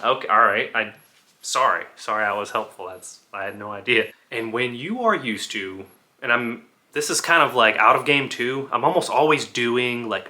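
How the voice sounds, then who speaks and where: A man's voice: mid-range voice, pushed and bright. A man hosting his gaming channel, talking casually and rambling through his thoughts, with lots of "like" and restarts as he builds analogies. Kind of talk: casual video commentary.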